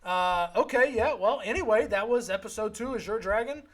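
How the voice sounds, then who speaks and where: Young male podcast co-host, high voice, loose joking banter. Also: brisk, a bit bright, a little hiss or hum. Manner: joking, rambling, self-correcting. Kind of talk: casual chat.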